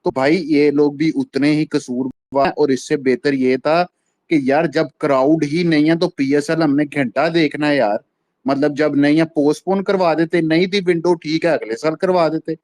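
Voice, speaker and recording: A man's voice: on the high side, fairly even intonation, normal speed, a little mellow, no echo. A man in a casual audio chat, complaining in a disappointed way about how the league is run. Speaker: caller in a cricket audio chat. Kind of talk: casual rant.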